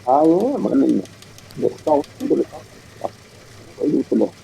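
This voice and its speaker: Gravelly man on a tinny tin-can line. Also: a little high, big pitch swings, measured pace, mellow, slight background noise. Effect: tinny tin-can sound over a remote line. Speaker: remote guest. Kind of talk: casual chat.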